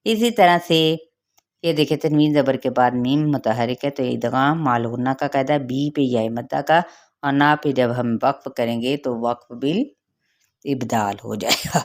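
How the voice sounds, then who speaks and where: A woman with a Pakistani Urdu accent teaching Quran recitation rules, explaining each letter slowly and carefully. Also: a bass voice. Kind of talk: tajweed lesson with recitation.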